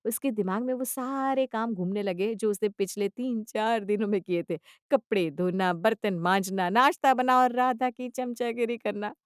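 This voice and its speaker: A woman narrating a family story in an even, steady storytelling voice. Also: medium pitch, normal speed, clear, resonant tone, no room sound, studio quality.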